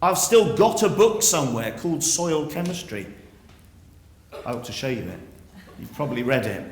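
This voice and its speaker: A man's voice: medium pitch, sing-song, moderate pace, slight background noise. A man, a school headmaster, giving an earnest, persuasive speech to pupils at an assembly, using rhetorical questions. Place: school hall. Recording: echoey hall.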